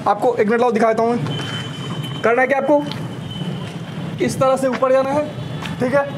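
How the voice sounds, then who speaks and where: The speaker is a young male trainer, high-pitched and brisk, demonstrating a home workout on a rooftop terrace outside. His energetic coaching keeps returning to "slowly slowly" and number counts, and vehicles can be heard amid the noisy street ambience.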